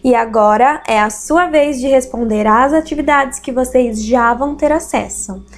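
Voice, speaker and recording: A woman from Brazil teaching an online English lesson, slowly repeating each English word with care. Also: high voice. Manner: slow, careful repetition of English words.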